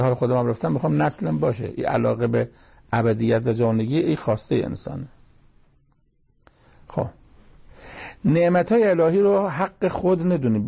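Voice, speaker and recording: A man's voice: medium pitch, gravelly, warm tone, husky. A man giving a religious lecture, explaining verses in a plain conversational teaching manner with quoted asides. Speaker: cleric.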